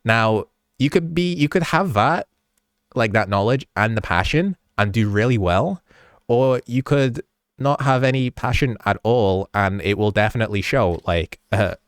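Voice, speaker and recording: A man with a congested, slightly ill voice chats loosely about editing his videos, regularly stopping himself mid-thought with a chuckle. He's unhurried, mid-pitched, clear and resonant, with lively intonation and a clean studio sound with no room echo.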